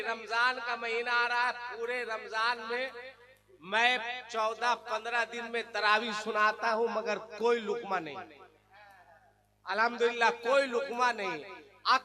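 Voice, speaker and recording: A man preaching a religious sermon at a large gathering. He sings verses in a ringing chant and then drops into joking asides. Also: very high-pitched. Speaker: qari and preacher. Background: crowd.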